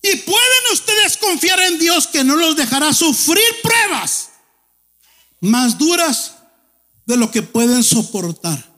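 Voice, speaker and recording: Brief: middle-aged male pastor, very high voice for a man, animated joking sermon, long church hall reverb. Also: takes it slowly. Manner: animated, joking, exhorting the congregation.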